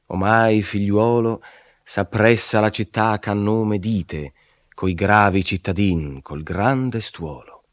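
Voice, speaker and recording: A wise elder poet-guide speaks slowly and solemnly, steadying his companion, as a man voices him. The voice sits low and unhurried. The recording is dry and close. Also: steady tone, dry recording. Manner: measured, solemn, reassuring.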